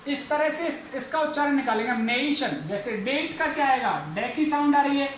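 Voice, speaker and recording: A male English lecturer giving a phonetics lesson for exam students, who repeats each example word slowly several times. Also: very high-pitched, fairly bright tone. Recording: echoey room, faint background noise.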